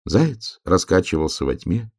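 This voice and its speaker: A man reading a children's story aloud in an expressive, measured way. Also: sits low.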